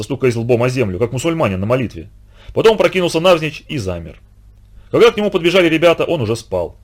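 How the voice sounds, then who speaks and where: A man narrating a children's adventure novel in an expressive storytelling manner. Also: on the high side. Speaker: audiobook reader.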